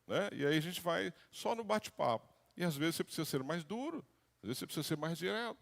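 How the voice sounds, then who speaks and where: Pastor preaching in echoing hall. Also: male voice, a little high, expressive, fast talker, vocal fry. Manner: conversational preaching with acted quotes. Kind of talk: sermon. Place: church hall. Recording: long hall reverb.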